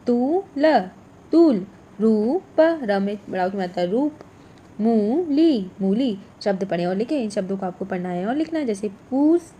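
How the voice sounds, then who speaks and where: Clear, patient woman teaching small children. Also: mid-range voice, expressive, mellow, slight background noise. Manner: slow, clear, repeats each letter and word. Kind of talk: workbook lesson for young children.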